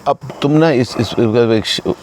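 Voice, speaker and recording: A man's voice: mid-range voice, slow pace, a little mellow, slight background noise. A man in his fifties, hosting a thoughtful, musing conversation and mixing in English phrases. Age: 50s. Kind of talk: reflective casual conversation. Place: outdoors in green surroundings. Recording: music playing behind the talk.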